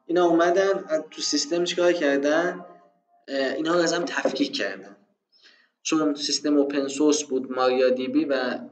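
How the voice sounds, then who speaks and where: A man's voice: mid-range voice, reverberant. Male tutor, casual lesson delivery with rhetorical asides, lo-fi mic. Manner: conversational, rhetorical self-questions, frequent fillers. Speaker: programming instructor. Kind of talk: screen-recorded tutorial explanation.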